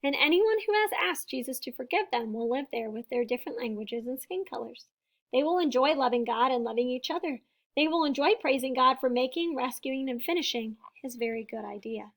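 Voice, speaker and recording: To a group of children, a high-pitched woman reads a picture book aloud, her intonation lively. She's a storybook reader and teacher who phrases things with care, stresses the key words, and keeps explanations simple.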